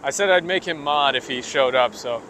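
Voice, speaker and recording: A man's voice: mid-range voice, sharp tone. A man hosting a livestream, chatting casually and joking with internet slang as he walks outdoors. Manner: jokey, quick, internet slang. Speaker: livestream host. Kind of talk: casual chat while walking. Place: outdoors on city streets. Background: faint street noise.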